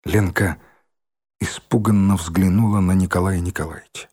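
A man reading a children's novel as an audiobook, expressive and voicing every character. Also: sits low, moderate pace, husky. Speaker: audiobook narrator.

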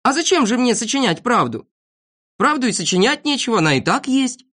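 A woman voicing a cheeky, boastful little boy shorty who chatters excitedly, reading a storybook. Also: on the high side, a little fast, pitched above the performer's own voice.

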